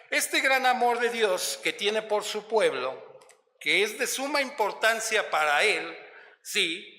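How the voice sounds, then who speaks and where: A man preaching a sermon in a measured way, often calling listeners beloved brother and checking in with tag questions. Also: high voice, sharp tone, roomy sound, big-room sound. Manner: slow, measured delivery with stretched emphasis. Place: church sanctuary.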